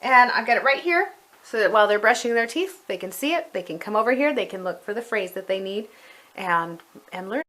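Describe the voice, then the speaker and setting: In her home, a middle-aged woman casually walks through a product, explaining things conversationally like a homeschooling parent talking to other parents. Her pitch is average, and her delivery is animated, brisk, and a bit bright.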